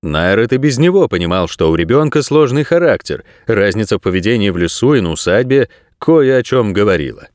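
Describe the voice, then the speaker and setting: A man's voice: fairly low pitch, very animated, a little fast, few pauses, darkish tone, dry recording, clean studio sound. A man reading an audiobook as narrator, telling the story expressively. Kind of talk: scripted narration.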